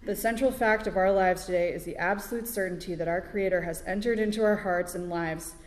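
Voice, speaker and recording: Woman recovery speaker, halting, chatty fillers, small laughs, recorded in a reverberant hall. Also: fairly low pitch, fairly even intonation. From Connecticut, USA. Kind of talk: personal recovery testimony. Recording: echoey hall with long reverb.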